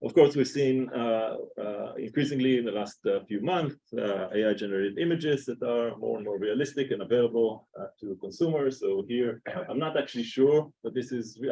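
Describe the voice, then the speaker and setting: A man with an Israeli accent giving an academic seminar talk in a lecture room, pausing often with "uh". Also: medium pitch, darkish tone, low-quality recording. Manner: halting, many filler "uh"s. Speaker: seminar speaker.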